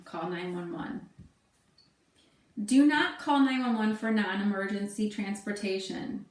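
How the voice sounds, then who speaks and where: A woman's voice: medium pitch, distant mic. A woman teacher in her thirties giving a casual remote lesson from home, talking loosely with fillers. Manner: casual, chatty, thinks aloud with fillers. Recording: echoey room, voice away from mic.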